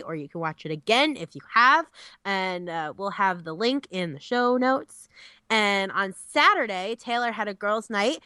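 A woman's voice: medium pitch, sharp tone, no room sound. A woman on a casual podcast, reading the news segment in a friendly, eager way.

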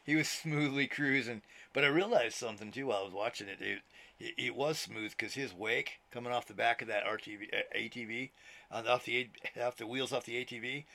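A man's voice: mid-range voice, vocal fry, pushed and bright. A man of sixty, a minister hosting his own podcast, talking casually from home in a chatty, meandering way, swearing now and then and often laughing. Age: 60s. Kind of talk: casual rambling monologue. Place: indoors at home, TV on. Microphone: laptop.

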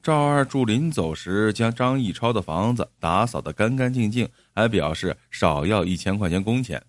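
Low-voiced man telling a story. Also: lively intonation, normal speed, no echo. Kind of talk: storytelling narration.

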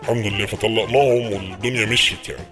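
Egyptian man in a prank call, very quick and deferential, halting and repetitive, music under the voice. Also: on the low side, fairly even intonation. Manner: polite and fast, with many hesitations and repeated words. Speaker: prank caller posing as an official.

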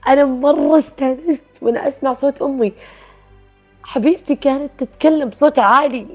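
Casting: woman, higher voice, reflective storyteller, dull lo-fi recording with faint music underneath. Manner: soft, reflective, with pauses and restarts. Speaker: guest telling her story. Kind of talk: personal storytelling.

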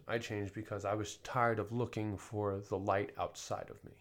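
In a fairly low voice, a male podcast host rambles through a casual personal monologue, swearing often and leaning on fillers. He shifts between quiet mumbling and loud, emphatic outbursts.

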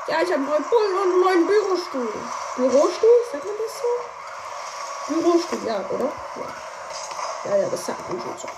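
Excitable high-voiced woman narrating gameplay. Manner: excitable, shouts and cries out at plays, chatty asides to listeners. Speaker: gaming streamer. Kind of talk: live gameplay commentary. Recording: echoey room with background noise.

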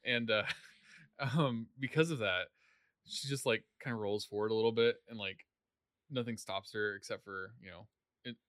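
Male co-host, casual chat, bright tone, dry close sound, loose rambling delivery. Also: fairly low pitch, moderate pace, no room sound. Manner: rambling, many fillers and restarts. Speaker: podcast co-host discussing a novel.

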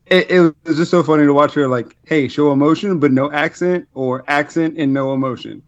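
A man co-hosting a podcast, chatting casually about a movie in a rambling way, full of fillers and quick laughs. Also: on the high side, fairly even intonation, dry recording, lo-fi sound. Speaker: podcast co-host. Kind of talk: casual movie review chat.

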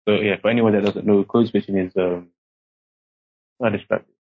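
Brisk and steady in tone, a young man with a fairly low voice chats casually as a guest on a podcast. Raised in Singapore, he uses a British accent while code-switching from Singaporean English, rambling with plenty of filler words over muffled, lo-fi audio.

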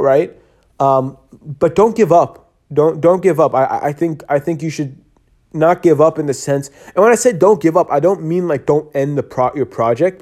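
A fairly high-pitched man with a dark tone hosts a solo podcast, casually monologuing. Earnest but rambling, he's tired and yawning, tripping through many fillers and restarts.

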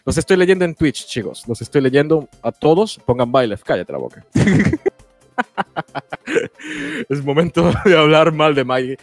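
A man's voice: on the high side, lively intonation, measured pace, long pauses, no echo. A man chatting casually as a guest co-host of a live stream, laughing a lot and stammering, with faint music in the background. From Italy. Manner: chatty, laughs often, stammers and repeats words.

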